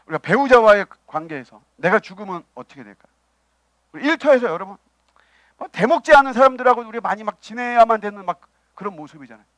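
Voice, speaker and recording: A man preaching a sermon as pastor, asking the congregation questions and swinging between loud emphasis and quiet asides. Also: sits high, no room sound. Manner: preaching with rhetorical questions and acted quotes. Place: church.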